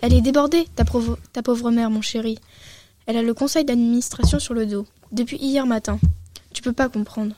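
A woman's voice: on the high side, fairly even intonation, brisk, dark tone, natural voice. A woman voicing a condescending, sugary company secretary in a storybook reading. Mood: patronizing. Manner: patronizing, sugary. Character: condescending female company secretary, middle-aged. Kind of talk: audiobook reading.

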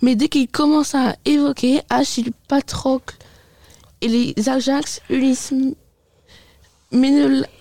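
A woman reading a story aloud, halting and restarting words often. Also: sits high, fairly even intonation, creaky, mellow, no room sound. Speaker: reader.

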